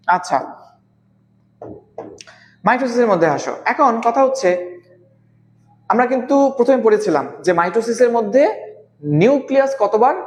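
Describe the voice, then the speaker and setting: Slow-spoken man teaching biology. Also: high voice. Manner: slow, deliberate, repeats key terms and quizzes students. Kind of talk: live online class.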